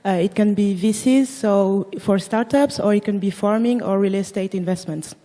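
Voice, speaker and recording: A woman's voice: medium pitch, moderate pace, mellow, slight background noise. A woman from Senegal working as an investment consultant, introducing herself briefly and matter-of-factly at a conference. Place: large conference hall stage. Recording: long hall reverb.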